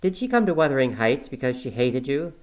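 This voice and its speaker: A man's voice: mid-range voice, very animated, fairly quick, a little mellow, natural voice, low-quality recording. A man reading the part of an indignant elderly woman servant in an audiobook, emphatic and reproachful. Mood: reproachful, pleading. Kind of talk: audiobook character acting.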